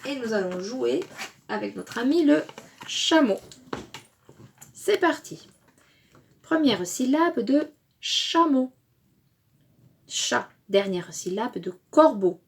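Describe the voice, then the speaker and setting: A woman teaching a phonics lesson to young children, speaking slowly and deliberately, stressing each syllable loudly and praising the listener. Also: on the high side, animated, slight background noise. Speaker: kindergarten teacher.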